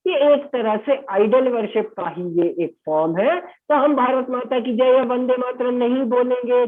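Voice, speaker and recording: A male teacher giving an exam-prep lecture, explaining in Hindi mixed with English phrases, often checking understanding with short questions and slowing down to stress key English terms. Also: extremely high pitch. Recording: tinny phone-like sound.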